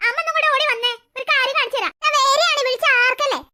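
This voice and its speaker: A woman voicing a bossy elder-sister schoolgirl in a cartoon who loudly tattles to her mother. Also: very high-pitched, quick pace, heavily acted. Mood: tattling. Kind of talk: cartoon voice acting.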